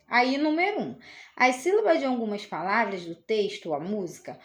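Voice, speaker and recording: A woman with a Brazilian Portuguese accent teaching a children's lesson, explaining slowly and patiently with many tag questions. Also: on the high side, lively intonation.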